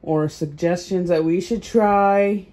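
A woman chats her way slowly and loosely through a home vlog, rambling and thinking aloud with little pauses and fillers. She talks in an easygoing, unhurried way, like a mom chatting to her viewers from the kitchen. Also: fairly low pitch, dark tone. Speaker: mom vlogger. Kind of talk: casual grocery haul chat.

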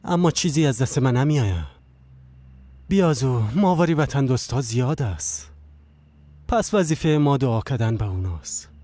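A man playing a calm, wise old father. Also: mid-range voice, no room sound, natural voice. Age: older. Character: calm, devout older father giving counsel. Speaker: dubbing actor. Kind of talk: dubbed TV drama.

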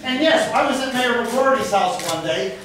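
During public comment, a middle-aged man with an extremely high pitch and lively intonation rails at the city council at a moderate pace, loud, accusatory and insulting. The sound is distant and echoey, taken from a handheld camera in the audience of a large indoor chamber, with faint noise.

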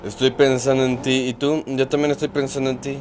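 A man's voice: medium pitch, flat delivery, brisk, a little mellow, slight background noise. A young man with a Mexican accent, chatting casually and joking while reading his stream chat aloud. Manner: joking banter, reads chat aloud, slangy.

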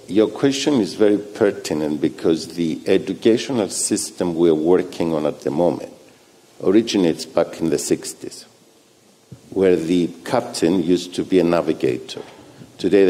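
An older man speaks on a conference panel through a headset mic, pressing his points with insistence. His voice is low and mellow, and it rings with long reverb from a large stone-walled hall. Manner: emphatic, insistent. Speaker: panelist, ship designer. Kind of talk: panel discussion answer.

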